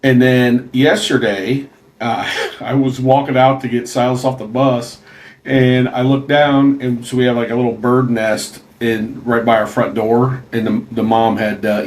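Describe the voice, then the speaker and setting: A man co-hosting a podcast, telling halting, rambling anecdotes. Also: medium pitch, little pitch movement, rough recording. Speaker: podcast co-host. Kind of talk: casual storytelling.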